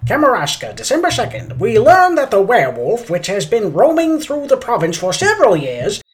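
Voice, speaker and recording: A woman voicing a theatrical old-timey radio announcer, slow and declaiming. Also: on the high side, huge pitch swings, voice pushed up. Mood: dramatic. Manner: slow, drawn-out, declaiming delivery. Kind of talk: 1940s radio announcer reading.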